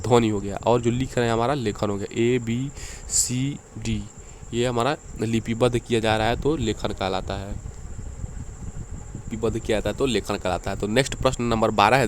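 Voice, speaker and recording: A man's voice: mid-range voice, slight background noise. A man giving an exam-prep lecture, explaining answers step by step, repeating key terms and asking rhetorical questions. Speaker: teacher.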